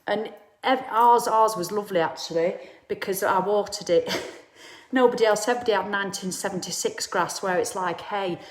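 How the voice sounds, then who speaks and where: Speaking at a normal speed in a mid-range voice, this woman in her 50s chats bluntly with her viewers as host, cursing and impersonating whoever she quotes. The recording is reverberant with slight background noise.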